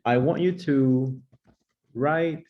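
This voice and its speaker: Man, English teacher, brisk and encouraging, middle pitch, slightly muffled recording. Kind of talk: comedic classroom sketch lesson.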